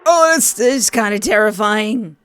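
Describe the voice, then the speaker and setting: A woman's voice: medium pitch, very animated, brisk, faint music behind, lightly acted. A woman voicing a frightened, jittery young woman who reacts to horrors with panicky, wisecracking exclamations. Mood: uneasy. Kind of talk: dramatic character reactions.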